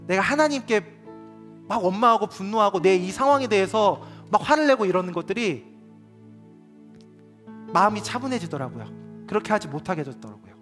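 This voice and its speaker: A man with a notably high voice preaches to a youth congregation. He sounds earnest and confessional and addresses his listeners directly. Soft music plays faintly behind him. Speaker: youth pastor. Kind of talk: sermon. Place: church youth service.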